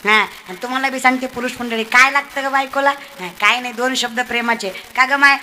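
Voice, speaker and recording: Bright high-voiced woman preacher, teasing. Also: brisk, a little hiss or hum. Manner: lively, teasing the audience, acts out characters in the tale. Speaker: kirtan preacher. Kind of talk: humorous devotional sermon with storytelling.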